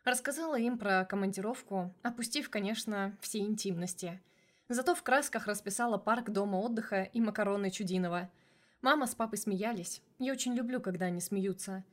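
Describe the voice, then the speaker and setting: A woman reading a first-person novel aloud as an audiobook narrator, in an even storytelling delivery. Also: medium pitch, fairly quick.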